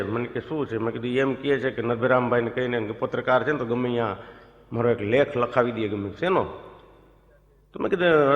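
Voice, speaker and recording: Audience laughter rings through a reverberant hall as a man with a mid-range, fairly bright voice tells funny stories live, and the recording loses its high frequencies. A chatty storyteller, he does his friends' voices whenever he quotes them.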